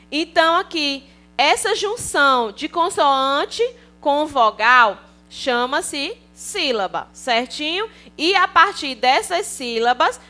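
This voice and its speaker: A high, bright, forceful voice belongs to a Brazilian primary school teacher with a Brazilian Portuguese accent. In a recorded online class for young children, she stays cheerful and coaxing and keeps checking in with the kids.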